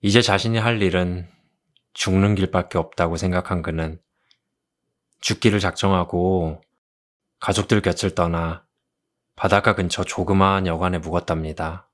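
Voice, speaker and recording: Playing a kind male therapist in an ASMR role-play, a South Korean man comforts a patient with gentle, consoling, slow storytelling, much like a tender romantic leading man. His voice is deep, with fairly even intonation.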